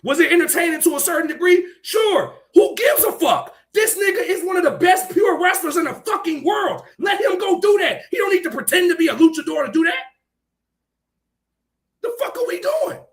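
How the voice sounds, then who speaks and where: A man co-hosting a casual podcast chat, ranting in a heated, profane way, often shouting and breaking into laughter between points. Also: extremely high pitch, lively intonation, moderate pace. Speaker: podcast co-host.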